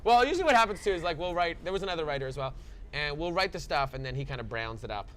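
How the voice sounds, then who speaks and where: A man, a stand-up comedian, chatting casually in an interview, playful and quick to joke. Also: a little high, lively intonation, a bit bright.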